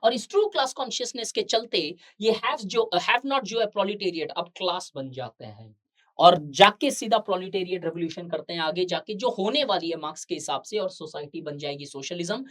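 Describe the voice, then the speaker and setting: Woman lecturing, stressing key terms. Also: lowish voice. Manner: explains in Hinglish, often slowing to stress key terms; asks rhetorical questions to the students. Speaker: teacher. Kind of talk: exam-prep lecture.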